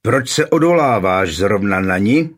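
A man's voice: a little high, wildly swooping pitch, voice pushed up. A man voicing a stern middle-aged father questioning coldly in clipped phrases.

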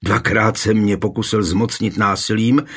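A man voicing a frightened young servant girl defending herself in a low, husky voice. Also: steady tone.

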